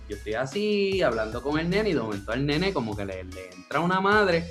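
Animated man telling a story. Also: medium pitch, fairly quick, faint music behind. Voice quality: animated, mixes English words. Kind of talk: casual storytelling chat.

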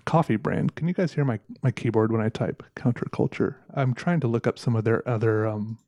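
A man's voice: mid-range voice, fairly quick, dark tone, no room sound. A man chatting casually into a microphone as a solo podcast host, rambling, correcting himself and musing with wry humor. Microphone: close microphone.

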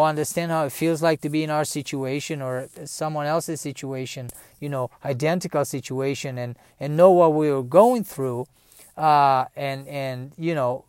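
A man's voice: fairly high pitch, a little mellow, smooth, no echo, studio quality. A man telling a personal story in a casual monologue, rambling with many fillers and restarts.

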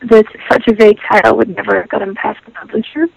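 A woman's voice: mid-range voice, fairly even intonation, quick pace, gravelly, no echo. A woman guest heard over an internet phone call, talking casually and hesitantly with many ums and restarts. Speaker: guest knitwear designer.

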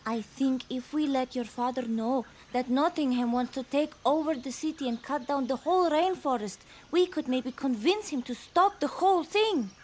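A woman plays a reasonable animal friend in a jungle adventure story. Her voice is high and earnestly persuasive, with faint birds and animals behind it. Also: normal speed, few pauses, darkish tone, a little hiss or hum, lightly acted. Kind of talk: children's audio story acting.

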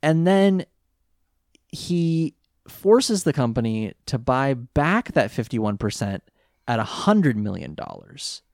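An easygoing man co-hosting a relaxed podcast chat. He laughs often, and his pitch rises and falls freely as he talks. His voice is dry and close, with no room sound. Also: takes it slowly, dry recording. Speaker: podcast co-host.

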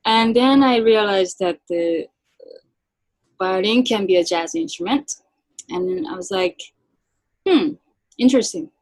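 A woman with a Japanese accent talks through her story as an interview guest, pausing often on fillers. Her voice sits at a middle pitch for a woman. The recording is dry, with no room sound. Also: dry recording, rough recording. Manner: soft-spoken, halting with many fillers. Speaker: guest violinist. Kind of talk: casual interview chat.

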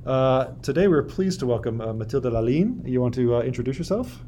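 Mellow-voiced man hosting a podcast. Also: mid-range voice, fairly quick, slight background noise. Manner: relaxed, rambling with fillers. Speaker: podcast co-host. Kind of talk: casual podcast chat.

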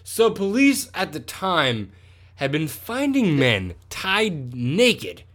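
A man's voice: on the high side, huge pitch swings, takes it slowly, a bit bright, slight background noise. A man co-hosting a podcast in casual comedic chat, rambling and profane, often correcting himself. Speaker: podcast co-host.

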